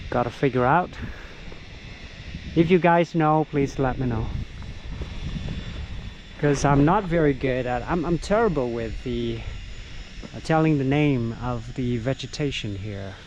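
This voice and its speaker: With a medium-pitched voice and background noise behind him, the middle-aged guide, a native Vietnamese speaker, casually narrates his outdoor vlog on countryside trails in a slow, halting way full of fillers.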